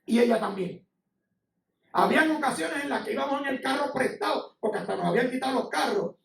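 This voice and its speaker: Puerto rican pastor man preaching, real high voice w gravel, echoey church mic far off. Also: animated, brisk. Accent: Puerto Rican Spanish. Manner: impassioned, conversational preaching with testimony. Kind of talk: sermon. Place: church sanctuary.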